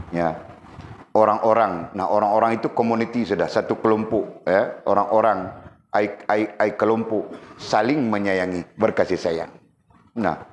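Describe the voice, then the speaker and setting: A man giving a lively religious lesson, often putting questions to his listeners. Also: on the low side. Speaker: religious teacher. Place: religious boarding school community. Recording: echoey room with faint noise.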